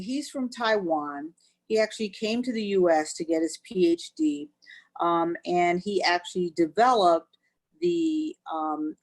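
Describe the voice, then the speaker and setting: Female doctor, webinar presenter, lowish voice, walks through instructions step by step. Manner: explains step by step, often says "actually". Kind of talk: educational webinar talk.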